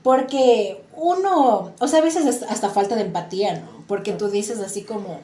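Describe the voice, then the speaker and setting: A podcast host from Ecuador, a woman chatting in a warm, empathetic way. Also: mid-range voice, normal speed. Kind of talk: casual podcast conversation. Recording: echoey room.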